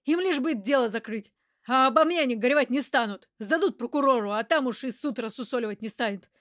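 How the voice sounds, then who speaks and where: Woman voicing a loud, rough-talking man on the run. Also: fairly high pitch, a little fast, dry recording, clean studio sound, close to an everyday voice. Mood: gruff. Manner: shouting, coarse street talk. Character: rough, hot-tempered hunted man, loud and defensive.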